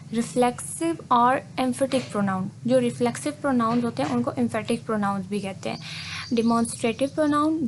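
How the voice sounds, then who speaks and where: A woman's voice: a little high, a little hiss or hum. A woman explaining English grammar over slides in a patient, step-by-step lesson, mixing English words into her talk. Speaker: English teacher.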